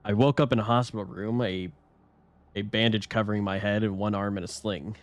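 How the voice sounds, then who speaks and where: A man reads a horror story aloud on his live stream in a low voice. He keeps a casual tone and often trips over words and restarts his lines. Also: steady tone, fairly quick. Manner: casual reading with frequent stumbles and restarts.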